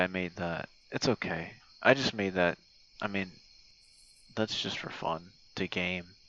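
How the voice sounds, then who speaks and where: A game streamer and online audio creator speaks in a low, sharp-toned voice, his casual monologue rambling hesitantly like a voice message to a friend, with easy swearing. The audio is poor, recorded outdoors at night among crickets and insects.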